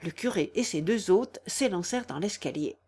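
A woman narrating a novel aloud in a steady, measured way. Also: lowish voice, breathy edge. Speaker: audiobook narrator. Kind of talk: scripted narration.

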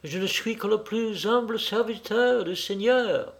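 A man's voice: high-pitched, unhurried, creaky, voice pushed up. A man voicing a timid, pious elderly clergyman who speaks with solemn humility. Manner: humble, solemn.

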